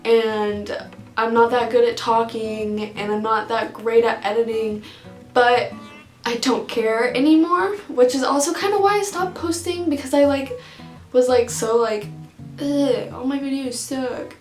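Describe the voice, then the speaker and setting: A woman's voice: fairly high pitch, measured pace, reverberant, faint music behind. A young woman vlogging casually to camera, rambling and giggly, close to tears as she talks. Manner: rambling, giggly, emotional, many fillers. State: teary, on the verge of crying.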